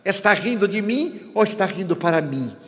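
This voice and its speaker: A man's voice: high voice, animated, normal speed, fairly bright tone, voice pushed up. A man doing a pushy, raised-voice stranger. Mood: confrontational. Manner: insistent, questioning. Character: brusque grown man, a pushy airport stranger. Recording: long hall reverb.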